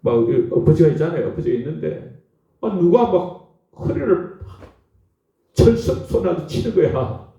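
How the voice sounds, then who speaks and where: A male pastor delivers an animated sermon in a warm, gravelly voice that rises and falls a lot as he tells his stories. He keeps checking in with his listeners with a quick "eh?" as he goes. He is picked up from a distance in a very echoey hall, and the sound is dull and muffled. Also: fairly high pitch. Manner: animated storytelling, prompts listeners with "eh?".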